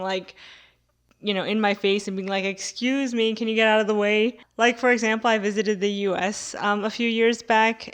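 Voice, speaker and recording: Speaking in a clean, mid-range voice, a young American woman fields questions from her viewers. Her tone is casual and chatty, peppered with "like" and "you know."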